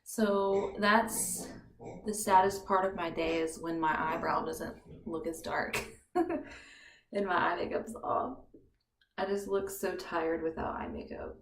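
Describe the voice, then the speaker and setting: Young woman, heavily pregnant, casual home vlogger; low-ish voice, filler-heavy chat, softly breathy now and then, faint noise. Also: slow. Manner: chatty with frequent ums, drifts into soft whispers. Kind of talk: casual beauty vlog chat. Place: bathroom at home, indoors.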